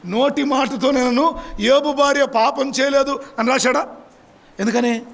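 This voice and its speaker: Pastor, man; high, lively delivery with a gravelly, husky edge; drills the congregation with questions. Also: unhurried. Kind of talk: sermon. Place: church.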